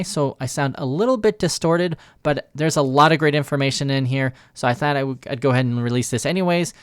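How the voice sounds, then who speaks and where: Guy doing a casual podcast intro, medium pitch, really dry recording. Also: smooth, dry recording. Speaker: podcast co-host, software developer.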